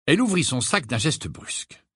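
A man's voice: medium pitch, moderate pace, husky, no room sound, studio quality. A man narrating an audiobook expressively, acting out the characters. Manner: lively storytelling, acts out characters. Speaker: audiobook reader.

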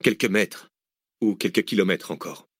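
A man reading an adventure novel aloud in a steady storytelling voice. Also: low voice, normal speed, breathy edge, no room sound, clean studio sound. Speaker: audiobook narrator. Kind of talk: scripted narration.

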